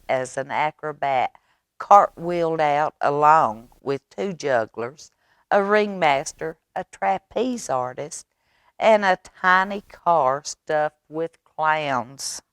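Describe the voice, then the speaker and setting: A library storyteller reads a picture book aloud to children, very slowly and with great animation, adding sound effects. Her low, clear, resonant voice carries no room sound, and her dramatic, expressive delivery features drawn-out words and hushed asides.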